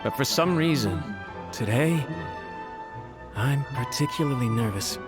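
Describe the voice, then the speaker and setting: A man's voice: medium pitch, expressive, a little slow, over music, natural voice. A man voicing a nervous, deferential young clan retainer in a video game, hesitant and very polite. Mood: worried.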